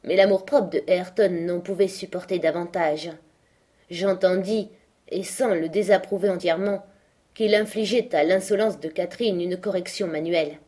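A woman's voice: fairly even intonation, normal speed, mellow. A woman reading a classic novel aloud as scripted narration, raising her voice for the quoted speech. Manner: lifts her pitch and volume for quoted speech. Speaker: audiobook reader.

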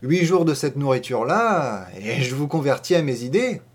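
Brief: a man doing a brash, domineering, mocking man in an audiobook, loud and emphatic, pitched up a bit. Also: sing-song, normal speed. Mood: scoffing, loud. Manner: loud, scoffing, emphatic declaiming. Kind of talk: audiobook reading.

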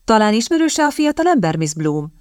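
A woman reading a storybook gives voice to a quick-witted young lady with a cutting, impatient tongue. Her lines sit somewhat higher than the reader's low narrating voice. The sound is dry and close. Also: big pitch swings, no echo. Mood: tart.

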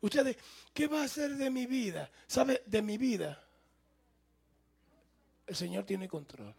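A man preaching a sermon as a pastor, with emphatic, animated delivery and acted-out quotes to his congregation. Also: high voice, measured pace, creaky, breathy edge. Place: church sanctuary.

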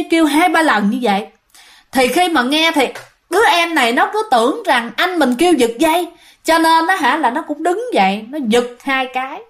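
A woman telling ghost stories in a casual, chatty way, often turning to her listeners. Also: high voice. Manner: chatty, keeps addressing listeners, many fillers. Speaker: ghost story narrator. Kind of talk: casual spoken storytelling.

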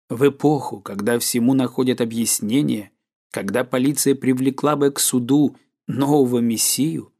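A man reading an audiobook, playing a brooding, fearful young nobleman in a low, grave voice. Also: a little mellow, lightly acted. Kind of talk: audiobook character voice.

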